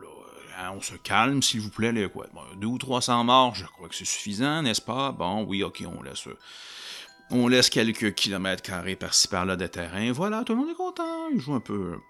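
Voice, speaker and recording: With a fairly low voice and a Québécois French accent, a man animatedly narrates a solo tabletop RPG session. He keeps it jokey and talks directly to his audience.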